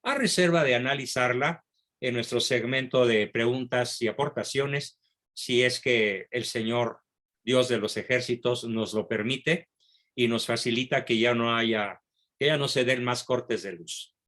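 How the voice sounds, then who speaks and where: A man giving a history lecture, reading passages of a speech aloud slowly and repeating key phrases. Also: medium pitch, fairly bright tone.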